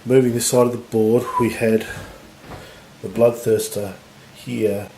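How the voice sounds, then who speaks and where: A man with a husky voice from recent illness, giving relaxed, rambling commentary on a tabletop battle. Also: mid-range voice, a little slow. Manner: relaxed, rambling, lots of fillers. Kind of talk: casual game commentary. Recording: echoey room with faint noise.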